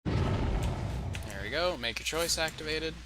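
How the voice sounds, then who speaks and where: A man giving casual, excitable gaming commentary, swearing and tripping over his words. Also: fairly high pitch, takes it slowly, heavy background noise. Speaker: gameplay commentator.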